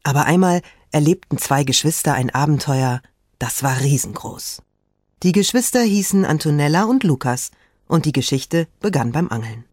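A storyteller reads a children's tale with lively, expressive delivery, slowing down now and then to let a moment land. The voice sits at an ordinary middle pitch. The recording is close and very dry, with no room sound at all. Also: dry recording. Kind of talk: scripted children's story narration.

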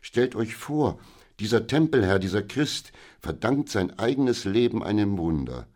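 Excitable storybook housekeeper, flustered and pleading, pitched up and pushed louder, as a deep-voiced male reader puts her on. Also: unhurried. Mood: excited. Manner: breathless, agitated, pleading. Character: excitable female housekeeper companion, middle-aged. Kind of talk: audiobook character reading.

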